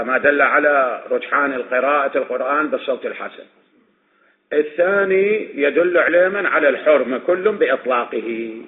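A man with an Iraqi Arabic accent teaching a classroom lecture on religious legal reasoning, posing questions and answering them himself, repeating his points. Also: mid-range voice. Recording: tinny phone-like recording with faint noise.

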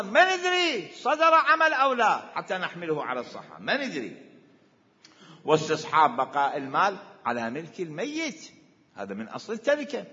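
A man with an Iraqi accent teaches a seminary class in a high, bright voice that leaps up and down as he presses his points. He fires questions and repeats himself for emphasis. The sound is dull and lo-fi, with a long echo from a hall. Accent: Iraqi Arabic. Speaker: seminary teacher of Islamic law. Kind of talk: seminary lecture.

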